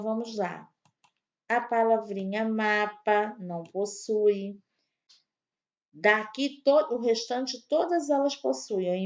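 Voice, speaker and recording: A woman teaching an online grammar lesson to young children, slow and patient, spelling out each word. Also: a little high, darkish tone, lo-fi sound. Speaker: primary school teacher.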